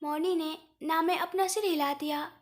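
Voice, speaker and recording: High-voiced woman narrating a story. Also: fairly even intonation, moderate pace. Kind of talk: scripted narration of a romance story.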